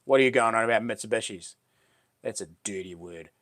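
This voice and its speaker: A man's voice: lowish voice, fairly quick, fairly bright tone, no room sound, clean studio sound. A man with a broad New Zealand accent chatting casually as a livestream host, full of laid-back, matey Kiwi slang. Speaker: live stream host. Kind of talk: casual livestream chat, reading out comments.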